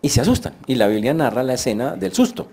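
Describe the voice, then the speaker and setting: A man's voice: mid-range voice, sing-song, fast talker, gravelly, warm tone, slightly rough. A man preaching a sermon, telling the story vividly and acting out the voices of the people he quotes.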